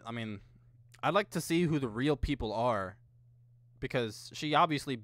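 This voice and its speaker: A man's voice: medium pitch, a bit bright, no room sound. A young man giving casual, sweary reaction commentary, recorded close on a microphone in a small room. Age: young adult. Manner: informal, sweary. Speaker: reaction video host. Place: small indoor room at a desk. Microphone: close condenser mic with pop filter.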